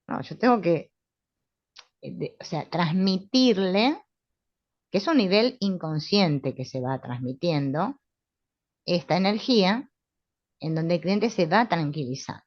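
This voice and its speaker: Calm rioplatense lady teaching a therapy class, low voice, dry dull lo-fi sound. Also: no room sound. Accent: Rioplatense Spanish. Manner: calm, assured, with frequent tag questions. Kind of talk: spiritual therapy lesson.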